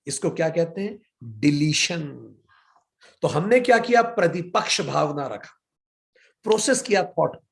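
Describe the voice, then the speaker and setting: A man giving a spiritual lecture as a yoga philosophy teacher, firing rhetorical questions and mixing English words into his talk. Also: sits high. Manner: asks rhetorical questions, then answers them himself; mixes English words into Hindi.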